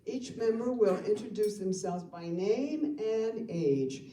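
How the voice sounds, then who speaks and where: A woman in her seventies hosting a live variety show, delivering slow, deliberate one-liners between acts. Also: medium pitch, expressive, warm tone. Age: 70s. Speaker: show host and emcee. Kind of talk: live stage emcee patter with jokes. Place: performance hall for a live audience. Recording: roomy hall, mic from a distance.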